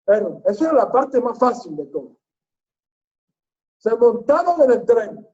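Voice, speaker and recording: A Torah teacher telling a story in a sermon, animated and repeating phrases in a rhythmic way. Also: medium pitch, unhurried. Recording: tinny phone-like sound.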